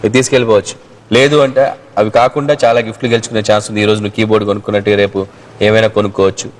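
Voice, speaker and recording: A man's voice: on the low side, flat delivery, rapid-fire. A man hosting a TV quiz show, teasing a young contestant playfully and reading out contest instructions announcer-style. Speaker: game show host.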